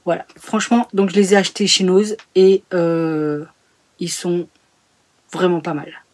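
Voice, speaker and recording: A woman's voice: fairly low pitch, flat delivery, unhurried, darkish tone. Chatty woman reviewing sewing books. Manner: chatty, hesitant, many fillers. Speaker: sewing YouTuber. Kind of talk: casual book review vlog. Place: home sewing room.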